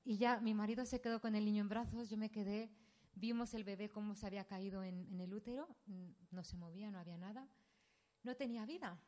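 A woman in her thirties telling a painful personal story as a sermon testimony, halting and emotional with many restarts. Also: medium pitch, steady tone, darkish tone. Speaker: preacher sharing a testimony.

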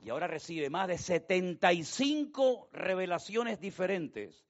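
Male preacher, dramatic storytelling, swings soft to loud, dull lo-fi recording. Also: high-pitched, lively intonation, measured pace. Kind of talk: sermon. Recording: dull lo-fi sound.

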